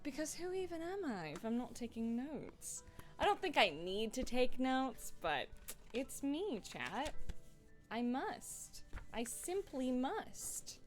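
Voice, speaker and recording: A woman's voice: high voice, slow, faint music behind. Chatty woman streaming a solo game. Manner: chatty and excitable, talks straight to her chat. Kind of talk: casual live-stream chat and adventure reading.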